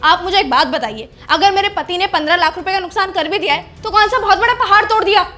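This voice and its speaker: A woman's voice: very high-pitched, fast, sharp tone, soft background music. A woman playing an indignant young wife who confronts her sister-in-law in a scripted family drama. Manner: confrontational, scolding.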